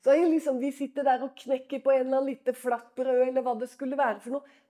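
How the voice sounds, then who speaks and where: A woman with a high-pitched, level-toned voice preaches a sermon in church. She is emotional and conversational, swinging between loud outbursts and hushed near-whispers, and often asks listeners to agree.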